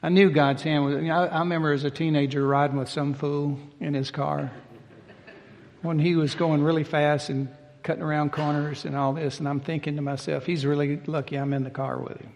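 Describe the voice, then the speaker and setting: A man's voice: a little high, level tone, fairly quick, darkish tone, slight background noise. Older man preaching in a reverberant hall. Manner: folksy, conversational preaching with plain talk. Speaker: pastor. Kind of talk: sermon.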